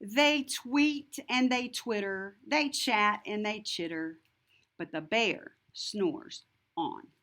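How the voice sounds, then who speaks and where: A woman reading a rhyming picture book aloud to children, expressive and deliberate, with a sing-song lilt. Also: medium pitch. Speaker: storybook reader. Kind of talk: scripted children's read-aloud narration.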